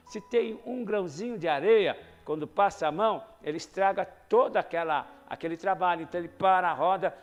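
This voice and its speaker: A man with a high voice preaches a sermon conversationally, shifting between soft asides and loud exhortation.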